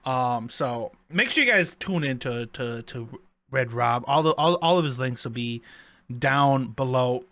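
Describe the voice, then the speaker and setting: A man's voice: mid-range voice, expressive, a little slow, pushed and bright, no echo. A man hosting a casual chat show, rambling and repeating himself, with playful mock excuses. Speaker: podcast host.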